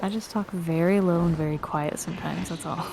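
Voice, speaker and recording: A woman's voice: fairly low pitch, steady tone, fairly quick, gravelly, a crowd in the background, rough recording. A woman streamer chatting casually while gaming, giggling, swearing and filling her talk with fillers. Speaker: game streamer.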